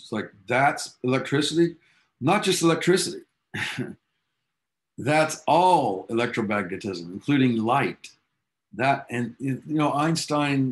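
A male physics teacher with a mid-range voice lectures his class, and it sounds like a classroom. He tells science history with eager, chatty enthusiasm, working in casual asides as he goes.

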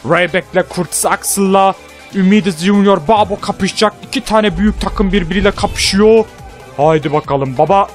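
Gaming host, male, high voice, rowdy play-by-play with taunts, faint game music underneath. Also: normal speed. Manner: trash-talks the opponent, shouts and counts pins. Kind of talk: excited live gameplay commentary.

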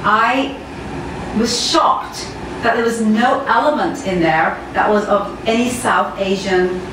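An enthusiastic woman in her forties hosts an interview, gushing and peppering her questions with ums. Her voice carries a heavy room echo, picked up by a mic set some way off, with a steady hum of noise underneath. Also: medium pitch, takes it slowly. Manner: effusive, enthusiastic, many ums. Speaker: interview host. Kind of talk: conversational interview. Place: studio set with red wall. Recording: echoey room, mic at a distance, audible room noise.

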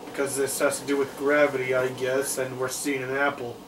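A man's voice: medium pitch, monotone, brisk, noisy background. An exhausted young man joking crudely and swearing as a co-player in a casual game playthrough. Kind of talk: casual gameplay banter. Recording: distant mic. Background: loud game music.

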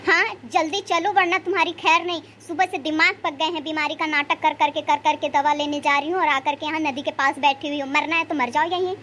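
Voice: high-pitched, flat delivery, a little fast, hardly any pauses, bright, forceful tone, slight background noise. A performer voicing a cruel young daughter-in-law in a cartoon, sneering and threatening. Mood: spiteful. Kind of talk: cartoon voice acting.

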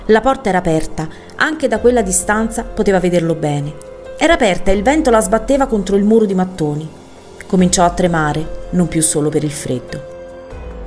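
A woman reads a novel aloud in a fairly low voice, measured and expressive. Faint music plays softly beneath her narration. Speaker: audiobook reader. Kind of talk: literary audiobook narration.

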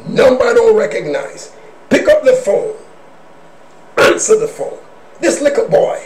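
A male minister preaching a personal testimony in a church service, with emphatic swings between hushed asides and shouted declarations. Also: very high-pitched, sing-song, a little slow, slight background noise. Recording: roomy echo.

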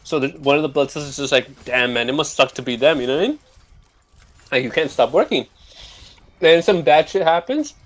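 A man's voice: fairly high pitch, animated, fairly quick. A young man chatting casually with friends over a game, rambling and swearing, often tacking on "you know what I mean.". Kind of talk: casual chat.

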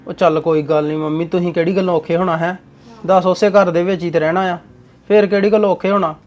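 A man's voice: high-pitched, fairly even intonation, fast talker, a little mellow, natural voice. A young man with a Punjabi accent acting a bossy, commanding husband in a domestic drama. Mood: reassuring.

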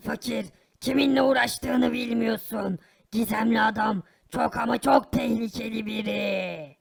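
A woman's voice: on the high side, steady tone, a little slow, vocal fry, a loud crowd. A woman voicing a sly, shameless criminal in a cartoon who boasts about his crimes. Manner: sly, wheedling, casually boastful. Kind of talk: animated cartoon voice acting.

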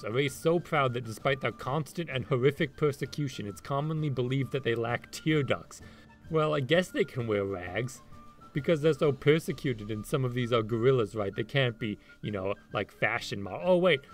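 Male critic, rhotacism with w-like r, sarcastic, profane, opinionated video commentary, music underneath. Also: medium pitch. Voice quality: rhotacism, r sounds like w. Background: music behind the voice.

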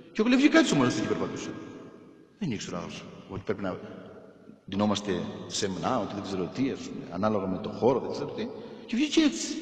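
A man, a priest, preaching a sermon in a church, emphatic and asking rhetorical questions. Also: fairly high pitch. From Greece. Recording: echoey church hall.

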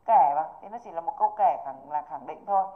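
A woman's voice: deep voice, fast. A woman English teacher, patiently walking students through an online exam review and often checking that they follow. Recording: tinny phone-like online call audio.

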